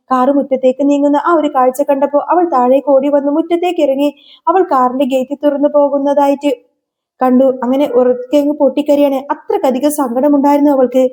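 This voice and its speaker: A woman's voice: sits high, warm tone. A woman narrating a serial episode as a dramatic, emotional story retelling.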